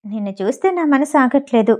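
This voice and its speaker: A woman's voice: sits high, expressive, fairly quick, a little mellow. A woman voicing a young husband in an audio novel, reading his lines in a teasing, coaxing manner. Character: young husband, possessive and playful.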